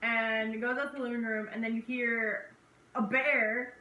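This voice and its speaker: A woman in her twenties, co-hosting and retelling a horror film in slangy, animated casual chat. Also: on the high side, unhurried, roomy sound, recorded from a distance, lo-fi sound. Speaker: co-host, movie reviewer.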